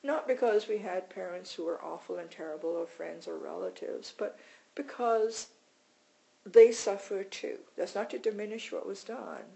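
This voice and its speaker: Gravelly-voiced woman teaching mindfulness. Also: mid-range voice, normal speed, dark tone, rough recording. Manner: conversational, repeats words and adds tag questions. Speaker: meditation teacher. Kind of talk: informal teaching talk.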